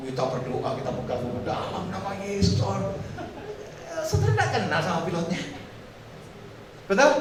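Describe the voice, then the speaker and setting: A man preaching a sermon, joking and questioning the congregation as their pastor. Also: a little high. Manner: joking, asks the congregation questions, lively delivery. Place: church hall. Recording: echoey hall, heard from far off, noisy.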